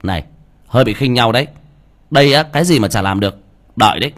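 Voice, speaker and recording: A man's voice: medium pitch, animated, fast talker, fairly bright tone, natural voice. A man voicing a blunt, crude-talking young village cowherd. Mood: indignant.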